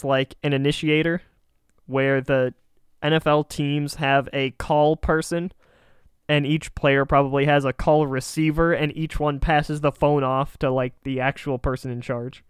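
A man's voice: a little high, fairly even intonation, measured pace, clean tone, dry recording, clean studio sound. A man co-hosting a casual sports chat in a wry, matter-of-fact way. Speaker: podcast co-host.

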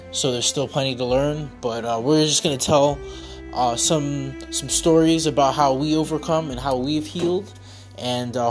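A man hosting a casual podcast, talking in a halting way with many fillers and restarts. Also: medium pitch. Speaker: podcast host.

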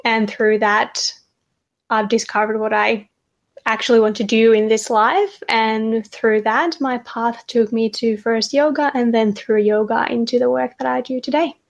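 Finnish-accented woman guest, soft, measured, slightly high voice, hesitant. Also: steady tone, gravelly, muffled recording. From Finland. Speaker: guest, cycle coach. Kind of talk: conversational interview.

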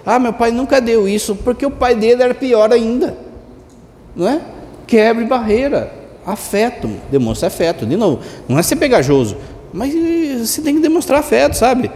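Man, priest, Sunday homily, high lively voice, long church reverb. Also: moderate pace, slight background noise. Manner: colloquial, animated, mimics voices of parishioners.

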